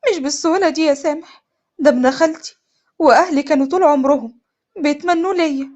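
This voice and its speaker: امرأة تؤدي صوت فتاة شابة عنيدة ترفض عريسها، بلهجة مصرية وصوت أعلى. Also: female voice, high-pitched, fast talker, a little mellow, dull audio, close to an everyday voice. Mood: pleading. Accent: Egyptian. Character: young woman, stubborn bride refusing her cousin.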